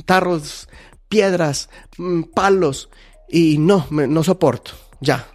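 A man's voice: fairly high pitch, slow pace, soft background music. A man voicing a weary, exasperated mother who complains that she is at the end of her rope. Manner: complaining, fed up.

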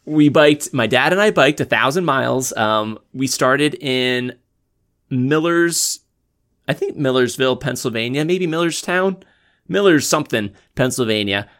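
A man co-hosting a podcast in easy, casual chat. He rambles through his stories, pausing and restarting as he searches for the next detail. His voice sits at a medium pitch. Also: lively intonation, fairly bright tone. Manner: rambling, halting with fillers and restarts. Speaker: podcast co-host.

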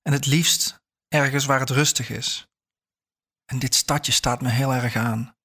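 A man's voice: mid-range voice, fairly even intonation, unhurried, bright, forceful tone, breathy edge, exaggerated voice. A man doing a nervous stout businessman. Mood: hesitant. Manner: hesitant, stammering.

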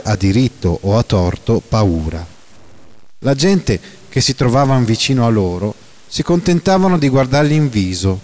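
A man narrating a classic novel in a measured, dramatic reading that slows down for emphasis. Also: medium pitch, a little mellow.

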